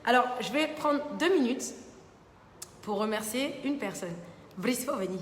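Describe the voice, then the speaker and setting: A woman's voice: fairly high pitch, expressive, a little slow. A young adult woman, a TV columnist hosting a casual live Q&A, chatting informally and often filling with repeated little interjections. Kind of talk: casual live Q&A reading viewer comments. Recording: roomy studio reverb, faint background noise.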